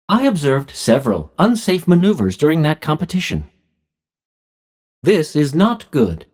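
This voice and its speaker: An actor voicing a calm male healthcare robot in a video game, speaking in a soft, even robot voice with polite, clinical phrasing. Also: a little high.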